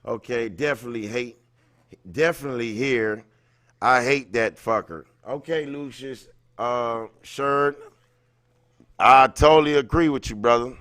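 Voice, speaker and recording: In studio-quality sound with no echo, a man chats casually on his livestream, saying hello to viewers, meandering and repeating phrases often. His voice is medium-pitched, fairly bright and unhurried, with music playing behind him.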